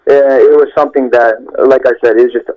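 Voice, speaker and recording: Speaking as an interview guest on a muffled phone call, this earnest young Canadian footballer reflects on his experiences. His voice is mid-range with fairly even intonation and a slightly fast pace, and he leans on repeated phrases to stress points.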